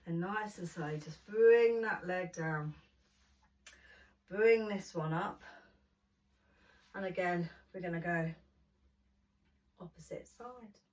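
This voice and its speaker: A woman leading a gentle prenatal yoga class, guiding slowly and soothingly, at times dropping almost to a whisper. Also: fairly low pitch. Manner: slow, soothing instruction, softening to near whisper. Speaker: yoga teacher. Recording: voice from a distance off the mic.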